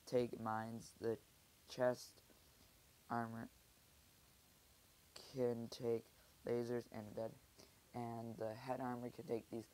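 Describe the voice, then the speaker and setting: A man who is sick, speaking softly and rambling hesitantly in a casual app review vlog. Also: mid-range voice, slight background noise, rough recording. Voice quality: soft-spoken, subdued. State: sick, keeping voice quiet.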